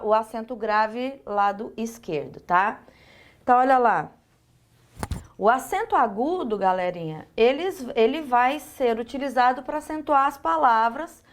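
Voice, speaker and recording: A woman with a Brazilian accent teaching a recorded online lesson, explaining step by step and asking and answering her own questions. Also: a little high.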